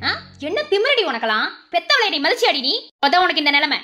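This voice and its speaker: A woman's voice: very high voice, sing-song, quick pace, pushed and bright, soft background music, full character voice. An actress playing a domineering mother who scolds her daughter harshly and forces her marriage. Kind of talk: TV serial acting.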